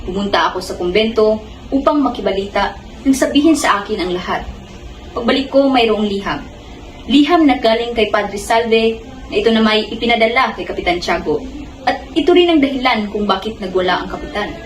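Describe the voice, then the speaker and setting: A woman playing an earnest, troubled young male student in a student drama, speaking in a measured, pleading way. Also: a little high, lively intonation, slight background noise, lightly acted. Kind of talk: amateur student stage drama. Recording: echoey room with music behind.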